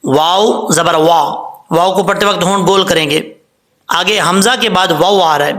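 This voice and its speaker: A man teaching Quran recitation, patiently spelling out syllables slowly and chanting the verses. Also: high-pitched, steady tone, bright, forceful tone. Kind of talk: tajweed lesson, spelling out and reciting words slowly.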